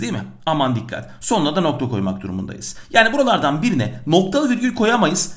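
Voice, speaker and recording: A middle-aged man teaching a lesson on punctuation, animated, asking questions and answering them himself. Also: high voice. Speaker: Turkish teacher. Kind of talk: lively lesson on punctuation exercises.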